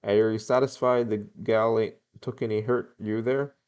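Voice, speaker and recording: A man reading aloud and voicing a gruff old male country squire with a curt rural drawl. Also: on the low side, flat delivery, normal speed, darkish tone, lo-fi sound, lightly acted.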